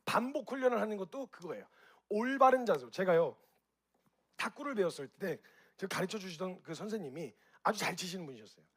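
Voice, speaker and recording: A man with a husky, slightly raised voice speaks quickly to an audience. He keeps it animated, asks them direct questions and acts out reactions with sound effects. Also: sits high. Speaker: speaker at a group gathering. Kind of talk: lively spoken talk to an audience.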